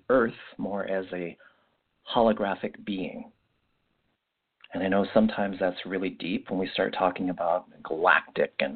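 An echoey, thin phone-like recording carries the deep voice of a man. He speaks as a spiritual podcast host, unscripted and reflective. His phrases wander and often repeat as he offers guidance. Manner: meandering, reflective phrasing with repetitions. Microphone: makeshift mic, not the usual podcast one. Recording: echoey, muffled phone-like sound without usual microphone.

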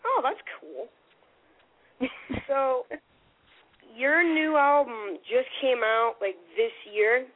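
A woman's voice: high voice, lively intonation, drawn-out words, long pauses. Gushing woman caller on the phone. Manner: enthusiastic, gushing. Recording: tinny phone line.

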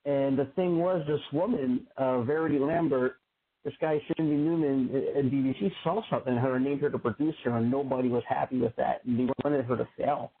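Over narrow, phone-like audio, a male host leads a casual discussion in a brisk, mid-range voice with fairly even intonation. He talks conversationally, restarting sentences and often adding "right?".

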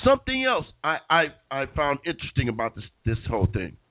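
A man's voice: mid-range voice, huge pitch swings, quick pace. Nasal sick man hosting a call-in show. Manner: rambling with many restarts. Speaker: talk radio host. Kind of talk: casual internet radio talk. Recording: tinny phone-line sound.

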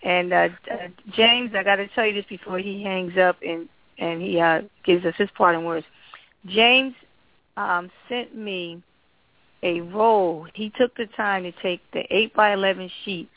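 A woman's voice: mid-range voice, unhurried, no echo. A woman author and genealogist chatting enthusiastically as a guest on a radio interview. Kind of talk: casual radio interview chat. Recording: tinny phone line.

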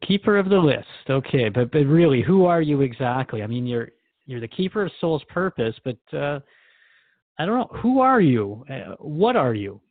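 Playing a skeptical, somewhat flustered radio host in a drama, a man from Canada questions his guest with curious, probing hesitancy in a conversational tone. His mid-range voice swings widely in pitch at a normal speed, captured in a dry, thin, band-limited phone-like recording.

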